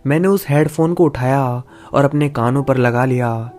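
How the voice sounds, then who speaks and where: A man narrating a first-person horror story in a steady, dramatic storytelling manner. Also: medium pitch, normal speed, faint music behind.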